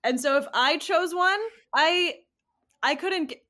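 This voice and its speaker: A woman's voice: high-pitched, measured pace, pushed and bright. A woman co-hosting a casual podcast, joking with bawdy, self-mocking humor and laughing often. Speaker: podcast co-host. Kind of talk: casual chat.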